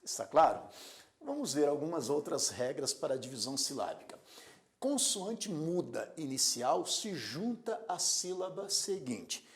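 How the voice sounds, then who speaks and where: Male grammar teacher, lively pitch, gravelly tone, deliberate classroom delivery. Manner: slow, deliberate, repeats words syllable by syllable; asks rhetorical questions to the learner. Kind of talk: classroom lecture.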